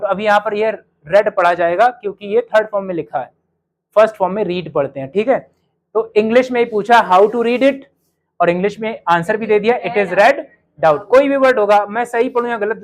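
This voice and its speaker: A man acting as an English teacher, talking to his students. He says English sample sentences slowly and clearly and keeps asking them questions. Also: high voice, rough recording. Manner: asks students rhetorical questions. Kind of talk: classroom-style spoken English lesson.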